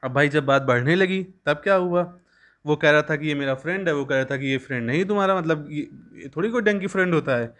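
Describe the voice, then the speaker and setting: A young man teaching a school English lesson, reading lines slowly and then explaining them at length. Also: a little high, a bit bright.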